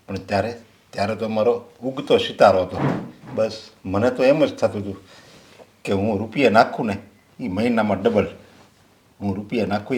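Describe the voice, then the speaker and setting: An actor playing a middle-aged father ruined by gambling, who swings from quiet pleading to angry shouting. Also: natural voice. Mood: regretful. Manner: pleading low, then shouting angrily. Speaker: father who gambled away his money. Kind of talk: Gujarati short-film acting.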